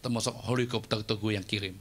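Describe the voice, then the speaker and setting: A man's voice: lowish voice, steady tone, quick pace, fairly bright tone, pitched below the performer's own voice. A man doing God as a blunt slangy scold. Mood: exasperated. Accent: Jakarta colloquial Indonesian. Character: God, blunt and exasperated, male.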